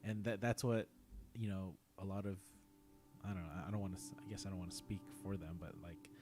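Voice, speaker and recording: A young man from San Diego hosting a relaxed live chat, often repeating words as he goes. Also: deep voice, quick pace, music in the background. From San Diego, United States. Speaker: host. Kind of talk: casual chat on a live stream.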